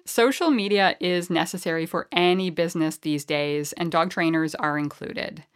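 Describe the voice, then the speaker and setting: A woman's voice: on the low side, moderate pace, clean tone. A woman who hosts a podcast and trains dogs, introducing and interviewing a guest in an enthusiastic, chatty way. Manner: enthusiastic and chatty, with fillers and restarts. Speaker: podcast host and dog trainer.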